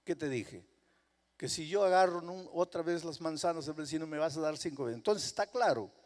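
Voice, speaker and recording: A man's voice: fairly high pitch, a little fast, a little mellow, natural voice. A man preaching a sermon, voicing a stern but loving mother scolding her young son in a firm, insistent tone. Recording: long hall reverb.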